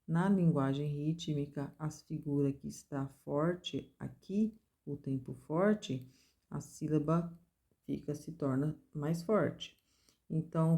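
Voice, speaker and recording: In a recorded music theory lesson, a woman with a low, mellow voice explains each point step by step. She chants rhythm syllables to mark the strong beats.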